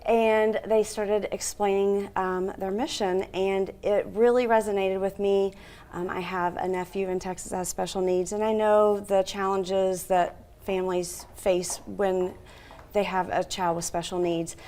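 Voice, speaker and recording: A woman's voice: mid-range voice, flat delivery, unhurried, dark tone. A woman interview guest chatting casually and playfully, telling anecdotes as a fundraiser. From United States, moved from Indiana.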